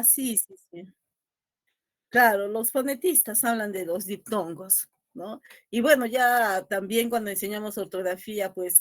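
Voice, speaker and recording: A woman's voice: medium pitch, a bit bright, dry recording, studio quality. A woman teaching an online class, patiently repeating key points and ending phrases with a questioning tag. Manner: checks in constantly with a rising tag question.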